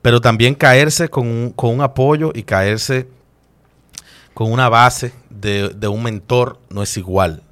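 A man, a chef guest in an interview, telling stories in an animated and emotional way with frequent restarts. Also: medium pitch, slow. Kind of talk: casual interview storytelling.

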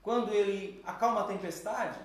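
A man preaching a sermon, telling stories in an animated way and acting out the voices he quotes. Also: high voice, normal speed, heavy reverb, distant mic.

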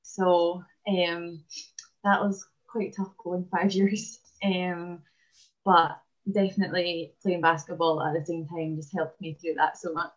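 Scottish woman, chatty, slightly low voice. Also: flat delivery, muffled recording. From Scotland. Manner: chatty, frequent "um" pauses. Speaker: interviewee, basketball player and dentist. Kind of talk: casual interview.

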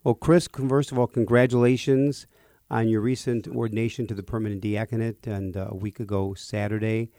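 A man's voice: lowish voice, little pitch movement, brisk, dark tone, dry recording. A man hosting a religious radio talk show from a studio, with an upbeat announcer cadence. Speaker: radio host.

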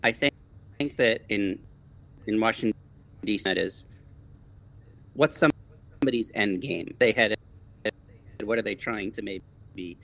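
A man's voice: fairly low pitch, vocal fry, a bit bright. Man on a choppy, dropping-out call line. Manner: halting, restarting sentences. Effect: choppy audio cutting in and out on a remote call. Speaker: guest. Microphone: remote call link.

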